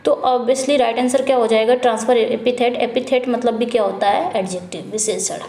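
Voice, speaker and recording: A woman teacher working through an English exam practice paper, reading each question slowly and then asking and answering it herself, repeating the answer. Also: on the high side, fairly even intonation, a little mellow. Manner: mixes Hindi with English terms, reads questions out slowly. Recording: echoey room.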